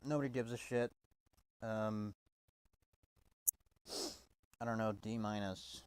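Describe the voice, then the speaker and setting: A man's voice: lowish voice, fairly even intonation, slow pace, a little mellow, clean tone, dry recording. A man giving a casual, swear-heavy wrestling review, exasperated and full of restarts. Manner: profane, exasperated, stumbling restarts.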